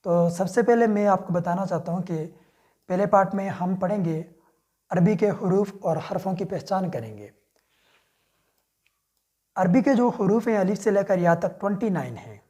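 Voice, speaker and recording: A man's voice: high-pitched, expressive, normal speed, pauses often, mellow. A man teaching Arabic letters in a screen-share lesson voice-over, explaining step by step with patience and mixing English words into his speech. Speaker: Quran reading teacher.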